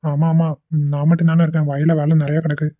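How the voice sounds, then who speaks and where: A man's voice: a little high, monotone, fast talker, no room sound, natural voice. A man playing a caring young husband, tinny audio. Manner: concerned, coaxing. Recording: tinny, dry phone-like audio.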